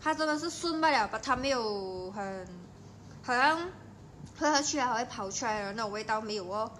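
Malaysian girl livestreaming from home, high voice, chatty and teasing. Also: lively intonation, fairly quick, a bit bright, slight background noise. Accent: Malaysian Mandarin. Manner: chatty and playful, teasing viewers. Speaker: livestream host. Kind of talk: casual livestream chat.

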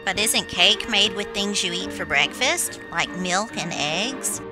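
A woman voicing a friendly, clever early bird who gently questions and coaxes in a children's show. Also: mid-range voice, expressive, measured pace, music in the background, lightly acted. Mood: coaxing.

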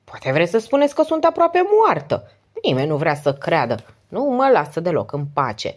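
A woman voicing a sick, complaining innkeeper woman with a hoarse, whining voice in an audiobook. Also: on the low side, big pitch swings. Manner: querulous, self-pitying. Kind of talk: audiobook character voice.

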